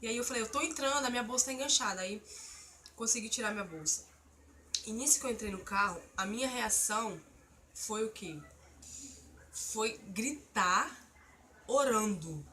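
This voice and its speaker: A woman's voice: a little high, moderate pace, long pauses, pushed and bright, a little hiss or hum. A woman earnestly telling a personal religious testimony, recounting a frightening experience in an emotional storytelling manner. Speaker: testimony speaker.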